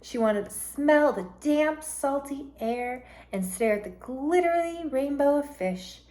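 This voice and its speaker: Reading a storybook to a group of children, this woman teacher uses a high voice. She goes slowly and expressively, teaching as she reads and stopping to explain words.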